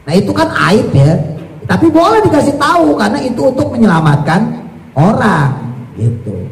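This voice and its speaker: A middle-aged male preacher from Indonesia giving a conversational religious lecture, acting out small dialogues and slowly reciting Arabic before translating it. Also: a little high, dark tone. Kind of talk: religious lecture to women's congregation. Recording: echoey hall reverb.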